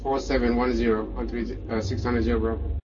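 A man who is a pilot, heard over an aviation radio, reading back clearances hesitantly with many fillers. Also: mid-range voice, little pitch movement, fairly quick. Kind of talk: radio calls and readbacks to ground and tower. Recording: muffled radio with clear background noise.

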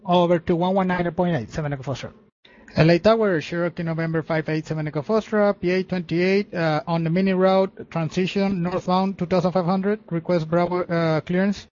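A man's voice: high-pitched, steady tone, a little fast, a little mellow. A man piloting a light aircraft, making slightly informal, hesitant radio calls and readbacks. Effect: aviation radio transmission. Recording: muffled band-limited cockpit radio.

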